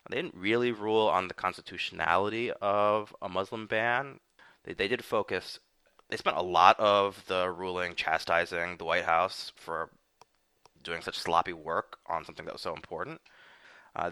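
A man's voice: low voice, sharp tone, clear, resonant tone, no echo. A man hosting a casual political podcast, recapping news with lots of fillers and restarts. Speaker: podcast host.

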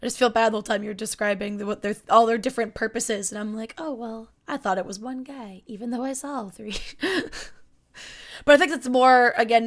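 A woman co-hosting a podcast, chatting casually and animatedly about a wrestling match, full of fillers and asides. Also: mid-range voice. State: yawning and hiccuping. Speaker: podcast co-host.

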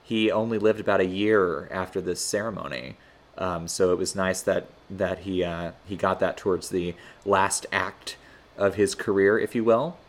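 Low-voiced man, rambling podcast host. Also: steady tone, moderate pace. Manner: hesitant, rambling, filler-heavy. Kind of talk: casual film-history chat.

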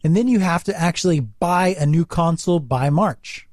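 A man's voice: fairly high pitch, expressive, normal speed, darkish tone, dry recording, clean studio sound. A man co-hosting a casual gaming podcast, joking and rambling through stories.

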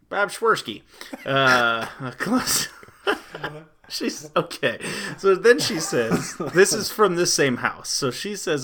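Male podcast host, mid pitch, very animated delivery, reads aloud and jokes around. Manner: chatty, laughs often, reads stories then riffs on them. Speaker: podcast host reading listener stories. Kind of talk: casual chat and reading aloud.

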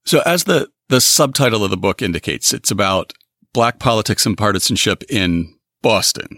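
Lively-voiced male podcast host. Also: on the low side, no echo. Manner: measured, reads announcements then asks questions. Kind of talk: scripted podcast intro and interview.

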